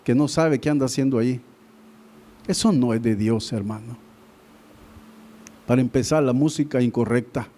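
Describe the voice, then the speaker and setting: A pastor preaching a sermon, who keeps calling his listeners brother and swings between loud appeals and hushed words. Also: medium pitch, normal speed, long pauses.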